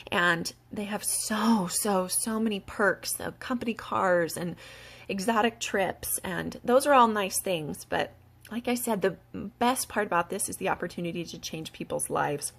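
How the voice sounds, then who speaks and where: A woman giving a casual, eager sales pitch to the camera, talking fast between fillers and little laughs. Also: vocal fry, fairly bright tone. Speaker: beauty product distributor.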